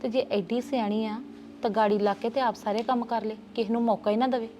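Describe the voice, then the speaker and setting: A woman's voice: a little high, steady tone, fairly quick, noisy background. A woman playing an aunt in a family drama, soothing at first and turning indignant. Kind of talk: Punjabi family drama dialogue.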